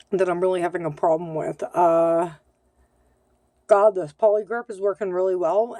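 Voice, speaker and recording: A woman's voice: fairly low pitch, darkish tone, dry recording. Hesitant woman in her thirties with a lisp. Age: 30s. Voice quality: slight lisp. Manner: hesitant, lots of ums, candid and self-conscious. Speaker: vlogger. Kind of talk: casual video diary.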